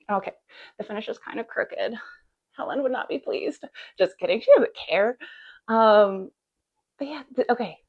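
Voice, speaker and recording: A woman's voice: fairly high pitch, a little slow, long pauses, highs cut off. A woman in her thirties chatting casually to camera about her cross stitch, bubbly and full of fillers.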